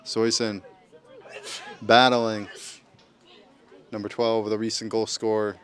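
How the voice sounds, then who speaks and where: A man's voice: fairly low pitch, little pitch movement, slow pace, some chatter behind. A man giving casual, joking live play-by-play commentary on an amateur soccer match. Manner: joking, informal, tries bits of Spanish.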